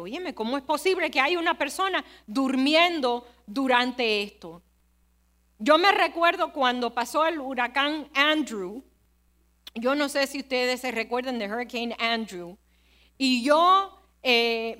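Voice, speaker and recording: A woman's voice: high-pitched, bright, forceful tone. A woman preaching a sermon, telling stories and speaking straight to her listeners. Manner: storytelling, conversational, asks the listeners directly.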